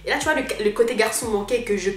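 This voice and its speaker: A young woman casually telling a storytime vlog, slangy and animated, acting out the dialogue. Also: on the high side, rapid-fire, roomy sound, faint music behind. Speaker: YouTuber.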